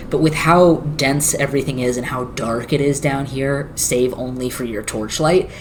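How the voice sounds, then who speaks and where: A game master narrating a tabletop game, describing a scene in slow, searching phrases with filler words. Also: mid-range voice, a little hiss or hum.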